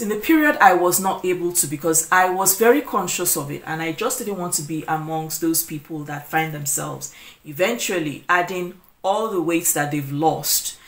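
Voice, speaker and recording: A woman's voice: on the low side, moderate pace, fairly bright tone. A woman in her forties talking casually to camera as a lifestyle vlogger. She rambles, restarts her sentences and fills gaps with "you know". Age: 40s. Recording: echoey room.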